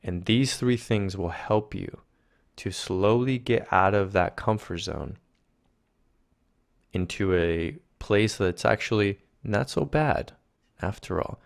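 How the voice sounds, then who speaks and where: A man from Argentina, a spiritual mentor as guest, talking in a soft, earnest, gently encouraging way. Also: on the low side, animated, slow pace, gravelly. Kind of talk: reflective conversation.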